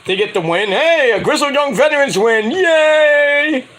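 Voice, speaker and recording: A man with an extremely high, fairly bright, animated voice casually recaps a wrestling show at a measured pace. Alone on the mic, he rambles, corrects himself, and drops sarcastic asides while a cold sets in and his voice starts going.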